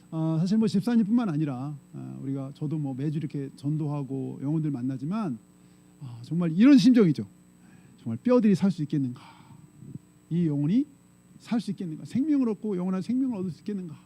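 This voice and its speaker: A man's voice: fairly high pitch, lively intonation, fast, mellow. A male pastor preaching a conversational sermon to his congregation, often putting questions to them and answering himself. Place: church sanctuary.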